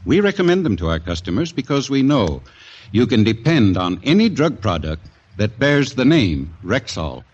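A man giving an earnest, measured sponsor message in the style of a 1940s radio commercial, heard through an old radio broadcast. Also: fairly low pitch, big pitch swings. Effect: old radio broadcast sound. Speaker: sponsor spokesman. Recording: dull lo-fi old radio recording.

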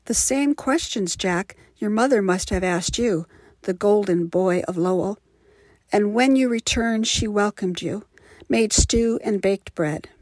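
A woman reads her own poem in a measured, heartfelt way, at an ordinary pitch. Her voice sounds dry and close, with no room around it. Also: darkish tone, no room sound. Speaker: poet. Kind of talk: poetry reading.

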